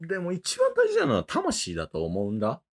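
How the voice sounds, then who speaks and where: A man's voice: a little high, wildly swooping pitch, fairly quick, soft background music. A man from Kansai with a Kansai accent, co-hosting a comedy podcast in casual, playful chat and laughing often. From Kansai, Japan. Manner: playful, laughs often, mock-dramatic speeches. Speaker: comedy duo podcast co-host.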